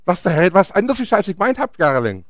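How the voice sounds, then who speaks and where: A man's voice: high-pitched, big pitch swings, rapid-fire, dry recording, studio quality. A man preaching a sermon, telling a Bible story in a chatty way and asking his listeners questions. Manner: chatty, asks the audience questions.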